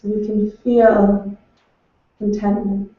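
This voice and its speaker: Slow, soothing woman guiding a meditation. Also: mid-range voice, level tone. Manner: slow, soothing, unhurried instructions. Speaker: meditation guide. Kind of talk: guided meditation. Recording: distant, echoey and dull.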